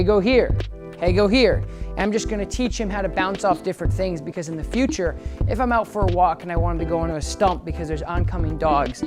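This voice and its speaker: A man working as a dog trainer, casually explaining his method to viewers and breaking into high, upbeat praise and commands for the dog. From United States. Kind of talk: instructional training demo. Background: background music.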